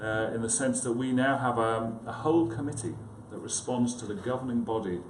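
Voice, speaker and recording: Speaking fairly quickly in a mid-range voice, a male psychiatrist gives a casual conference talk, hesitant and self-mocking, with chatty remarks to his listeners. The setting is an indoor conference room with echo and clearly audible background noise.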